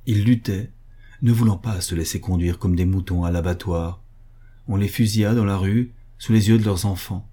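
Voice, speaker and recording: A man reading a story aloud as an audiobook, grave and measured. His voice is low and dark, with a husky, breathy grain. He keeps an even, serious delivery. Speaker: narrator. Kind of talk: audiobook narration.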